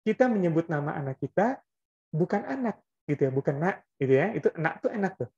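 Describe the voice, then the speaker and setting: A man's voice: a little high, big pitch swings, a little fast, mellow, lo-fi sound. Man giving a casual religious parenting talk. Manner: explanatory, conversational, tags lines with "gitu ya". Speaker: Islamic parenting teacher. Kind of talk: Islamic parenting lecture.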